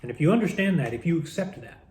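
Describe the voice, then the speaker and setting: Man, vlogger type, warm low-key voice, musing monologue while eating, echoey room. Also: expressive, quick pace. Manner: musing, talks with mouth full, repeats words. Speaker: vlogger eating a meal on camera.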